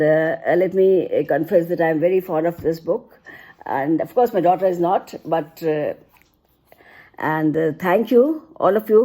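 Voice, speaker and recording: A middle-aged woman, an author, reads her poems aloud and thanks her readers, unhurried and pausing often between phrases. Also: lowish voice, dark tone. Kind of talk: poetry reading and thanks to readers.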